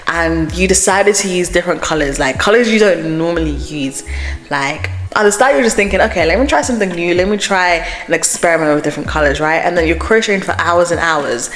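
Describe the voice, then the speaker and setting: A woman hosting a casual, chatty solo podcast, venting emphatically and informally, with an echo effect on her microphone. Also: fairly low pitch. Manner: informal, emphatic venting about small annoyances. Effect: microphone echo setting, echoey reverb. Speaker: host of a crochet podcast vlog. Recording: echoey voice from microphone echo setting.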